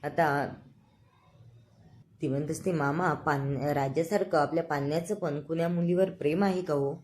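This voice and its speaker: A woman retelling a TV serial episode in relaxed storytelling, briefly lifting her voice for each character's lines. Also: low-pitched, normal speed. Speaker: serial episode recap narrator.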